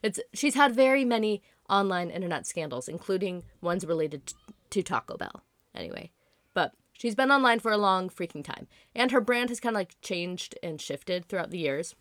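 A woman in her twenties hosting a podcast in a casual solo chat, hoarse from being sick, rambling and chatty with lots of "like" fillers. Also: medium pitch, animated, normal speed, a bit bright, no echo. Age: 20s. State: hoarse from illness. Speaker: podcast host.

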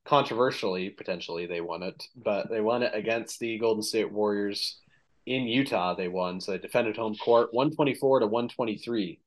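A man with a fairly low voice hosts a casual sports podcast at normal speed, and the audio quality is poor. He recaps game stats in a relaxed way with plenty of ums and filler, his voice slightly worn as if he's losing it.

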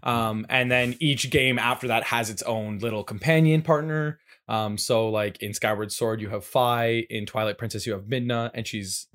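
A man's voice: mid-range voice, moderate pace, hardly any pauses. A man co-hosting a casual podcast, chatting about video games and acting out characters' lines. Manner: animated, acts out game characters' lines with laughs. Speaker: podcast co-host.

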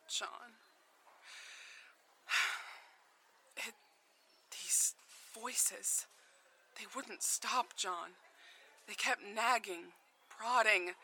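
Bright, anguished, haunted mother played by a woman. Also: on the high side, slight background noise, heavily acted. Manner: halting, emotionally fraught. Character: anguished, guilt-ridden mother haunted by voices. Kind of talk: audio drama acting.

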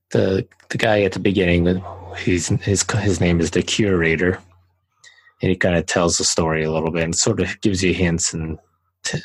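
A man's voice: deep voice, slightly rough, dry recording, rough recording. A young man co-hosting a podcast, chatting loosely about a game he played, with fillers and restarts. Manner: relaxed, rambling with fillers and restarts. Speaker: podcast co-host. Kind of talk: casual game review chat.

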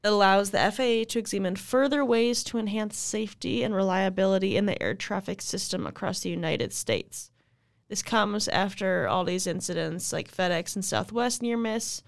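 A woman's voice: medium pitch, normal speed, gravelly, no room sound, clean studio sound. A young woman co-hosting an aviation podcast, chatting and reading out news items. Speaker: podcast co-host. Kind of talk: casual podcast chat.

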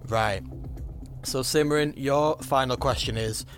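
Man, podcast host, quizmaster, dry teasing delivery, middle pitch, faint music. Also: slow. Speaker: podcast host running a quiz. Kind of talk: casual quiz chat.

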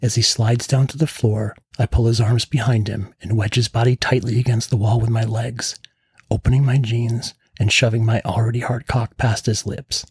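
A man reading a first-person story in a calm, low-key narration as a podcast host. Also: moderate pace, slightly rough, no room sound.

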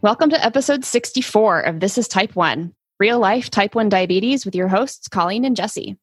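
A woman presents a podcast in a conversational style. Her voice sits at a middle pitch and is recorded dry, with very little room sound. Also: expressive, normal speed, husky, no echo, soft background music. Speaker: podcast host.

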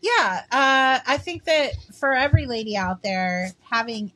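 Chatty, unhurried woman co-host. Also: fairly high pitch, pushed and bright, dry recording. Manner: chatty, emphatic, laughs easily. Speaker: podcast co-host, eyewear professional. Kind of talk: casual chat.

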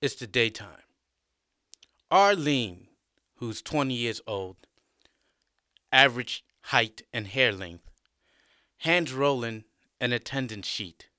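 A man narrating a story in a deliberate, expressive way. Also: medium pitch, no room sound, clean studio sound.

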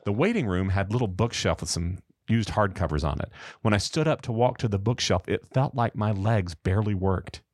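An American man hosting a casual podcast, reading a horror story aloud with a lively, animated delivery. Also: lowish voice, fairly quick, no echo.

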